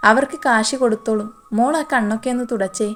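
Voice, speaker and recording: A woman's voice: fairly high pitch, fairly even intonation, quick pace, faint music behind, natural voice. A woman voicing a caring young man who comforts his younger cousin in a soothing, coaxing way. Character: gentle protective older cousin, young man.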